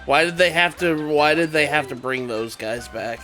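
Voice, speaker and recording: A man's voice: a little high, normal speed, bright, forceful tone, soft background music. A man co-commentating a let's play, teasing and bantering with the others. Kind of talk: casual game commentary.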